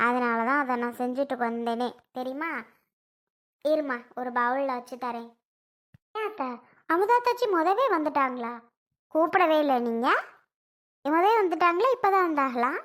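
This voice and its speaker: A woman's voice: high-pitched, lively intonation, moderate pace, long pauses, a bit bright. A woman acting out several women in a family skit, chatty and affectionate.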